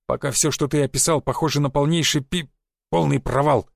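A male narrator puts on a furious secret police chief for an audiobook. He barks and curses at his agent in a gravelly voice pushed higher than usual, and the recording is close and dry. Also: fairly even intonation, a little fast, dry recording. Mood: stern. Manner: shouting, cursing, scolding. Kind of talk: audiobook character voice.

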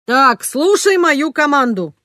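Woman reading as a brisk, bossy dad. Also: a little high, sing-song, pushed and bright, no echo, studio quality, full character voice. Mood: commanding. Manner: commanding, brisk. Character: brisk father taking charge. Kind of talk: audiobook character reading.

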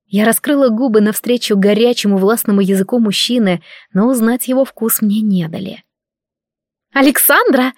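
A woman narrating a first-person audiobook in a lively, wry, conversational way. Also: on the high side, dry recording, clean studio sound.

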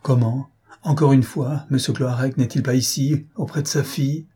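A man's voice: mid-range voice, fairly even intonation, moderate pace, dark tone, breathy edge. A man voicing a feverish, bedridden young man, agitated and imploring, in an audiobook.

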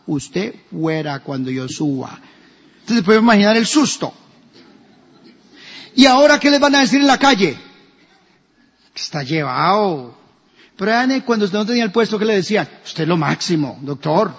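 Pastor preaching in an echoey hall. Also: male voice, sits high. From Colombia. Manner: preaching with rhetorical questions to the congregation. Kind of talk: sermon. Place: church hall. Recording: dull, echoey church recording.

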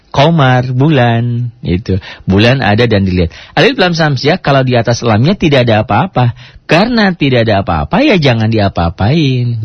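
A man teaching a Quran reading lesson, lively and drawing out Arabic words to demonstrate them. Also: medium pitch, husky, dry recording. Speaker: Islamic teacher. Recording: dull lo-fi sound.

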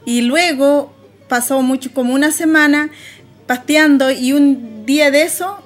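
High-voiced woman telling a folk tale. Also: measured pace. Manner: lively, voices the quoted characters. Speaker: guest storyteller.

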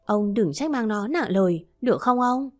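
Woman doing a worried mom, soft and pleading with her husband, calm-ish. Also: fairly high pitch, normal speed, natural voice. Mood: soothing. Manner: anxious, gently coaxing. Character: worried middle-aged mother, anxious and soothing.

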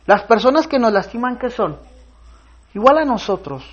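A man preaching a sermon in an earnest voice, reading scripture aloud with pauses and swelling to loud, emphatic stress. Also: very high-pitched, very animated, dull audio. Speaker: pastor.

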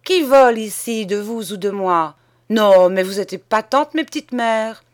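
A woman reading an audiobook, voicing a young chambermaid who rails at a nun with loud, mocking defiance. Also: fairly high pitch, fairly even intonation, normal speed, no room sound, studio quality, natural voice. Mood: furious.

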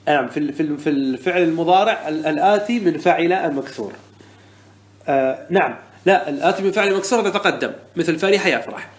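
A man teaching Arabic morphology as a sheikh, explaining a verse line by line, asking questions and answering them himself, repeating each example. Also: a little high. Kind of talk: classroom lesson explaining verse text.

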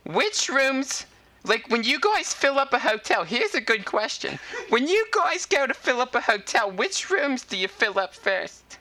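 A woman's voice: sits high, very animated, a little slow, sharp tone, dry recording. A woman making a prank phone call, talking in a chatty, earnest, official-sounding way. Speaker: prank caller.

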